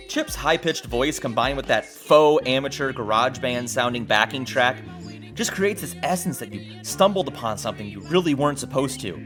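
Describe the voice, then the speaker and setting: Hosting a video essay, this man narrates with a medium pitch and fairly bright tone. He's wry and casual, prone to exclamations and the occasional swear word, while music runs underneath.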